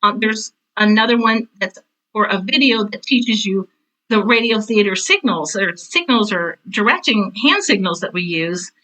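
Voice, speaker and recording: A theater teacher and author, this older woman appears as an interview guest, talking casually in a medium-pitched, animated voice at normal speed, pushed and bright. The recording is low quality, and her self-described intense, direct manner shows in her emphatic repetition of phrases.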